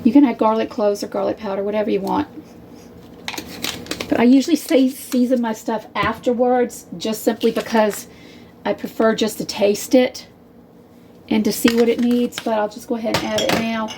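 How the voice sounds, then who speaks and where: A friendly woman talks her way through a home recipe in a loose, rambling style, calling her viewers y'all. Her voice sits a little high for a woman. Faint clatter of dishes and pans comes from her kitchen behind her. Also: steady tone, normal speed, background noise. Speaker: home cook, channel host. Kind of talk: casual cooking demonstration.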